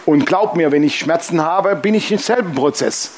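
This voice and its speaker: A man's voice: fairly high pitch, expressive, moderate pace, slight background noise. A man preaching a sermon as pastor, emphatic and humorous, often calling out "Amen".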